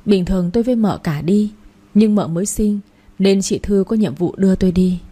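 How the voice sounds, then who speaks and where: A woman tells a first-person story in a steady, plain voice. Her tone is mellow and dark, with a slightly husky edge. She voices the other people in the story only lightly. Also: mid-range voice, brisk. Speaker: audiobook narrator.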